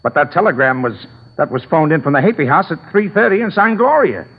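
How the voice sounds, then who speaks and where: A brisk police lieutenant. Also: male voice, fairly high pitch, expressive, slightly rough. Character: gruff middle-aged male police lieutenant. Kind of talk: 1940s radio acting. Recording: tinny old radio broadcast.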